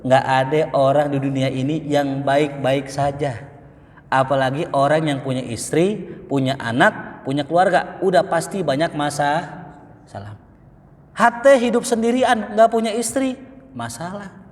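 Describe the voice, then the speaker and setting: A man preaching at a mosque study circle, telling stories with big swings in tone and casual asides to the congregation. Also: a little slow. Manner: lively storytelling, sweeping pitch swings, colloquial asides to the congregation. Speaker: Islamic preacher. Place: mosque hall. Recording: echoey mosque hall with long reverb.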